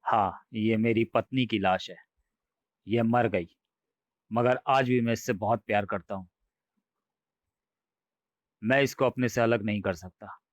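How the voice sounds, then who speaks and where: A man's voice: dry recording, lightly acted. A man voicing an eerie unblinking male stranger who kills, in a horror comic audio drama. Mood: brooding. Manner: low, slow, menacing. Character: eerie unblinking male stranger, grieving widower turned killer. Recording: dry, slightly dull recording.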